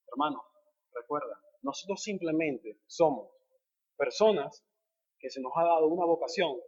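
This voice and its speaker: Man, pastor, sermon, high voice, rhetorical refrains, hushed to impassioned, church sanctuary. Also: breathy edge, highs cut off. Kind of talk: expository sermon.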